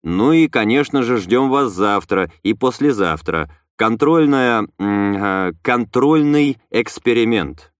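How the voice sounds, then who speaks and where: A man's voice: mid-range voice, lively intonation, slow, hardly any pauses, dry recording, clean studio sound. A man voicing a stern, formal older scientist giving instructions. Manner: formal, disapproving.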